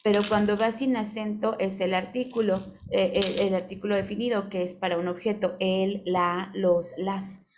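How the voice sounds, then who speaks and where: A woman's voice: mid-range voice, little pitch movement, moderate pace, few pauses. Female teacher with a Mexican accent on a video call, patient, keeps checking in with the class, faint hiss behind. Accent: Mexican Spanish. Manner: patient, checks in with "ok?" often, calls on students. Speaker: online course instructor. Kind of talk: live online class on spelling and punctuation.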